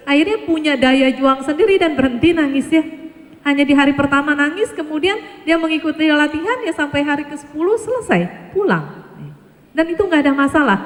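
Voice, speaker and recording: A woman with an Indonesian accent, a Buddhist nun giving an earnest, emphatic public talk on parenting. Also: high-pitched. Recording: hall reverb.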